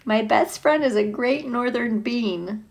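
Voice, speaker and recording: A woman teacher reads to children from a picture book, chatting with them playfully and posing questions along the way. She talks slowly, with a fairly high, gravelly voice.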